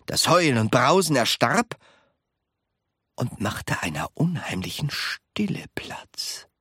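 An audiobook reader narrating a children's story in an unhurried, expressive way. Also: mid-range voice, slightly rough, dry recording, clean studio sound.

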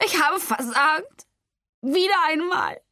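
A woman's voice: expressive, slow, bright, forceful tone, dry recording, studio quality, heavily acted. A woman playing a tearful, anxious young artist. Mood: despairing. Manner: high, breaking, despairing.

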